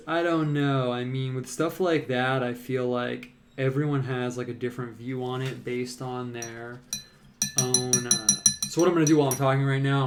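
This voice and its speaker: A man's voice: medium pitch, a little hiss or hum. A man chatting casually on a live stream as he paints, rambling loosely with lots of fillers. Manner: rambling, relaxed, many "like"s and fillers.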